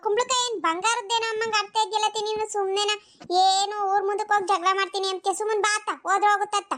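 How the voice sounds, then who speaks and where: Cartoon young village wife, voiced by a performer, sassy, talks back, squeaky high voice. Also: flat delivery, fast, pushed and bright. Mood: dismissive. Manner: cheeky and dismissive. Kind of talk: cartoon voice acting.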